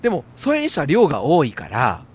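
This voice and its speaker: A man with a Kansai accent telling an animated anecdote in casual chat. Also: fairly high pitch, fairly quick, husky, dull audio. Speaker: storyteller.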